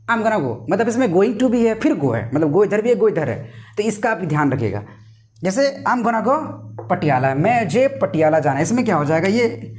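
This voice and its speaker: A man's voice: sits high, a little mellow. A man teaching an English lesson online, explaining by asking and answering his own questions, with chatty joking asides.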